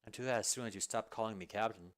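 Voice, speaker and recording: A man's voice: fairly low pitch, racing, close to an everyday voice. A man voicing a lazy, sleepy veteran male captain with a drowsy, dry grumble. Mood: grumpy. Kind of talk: amateur video game fan dub.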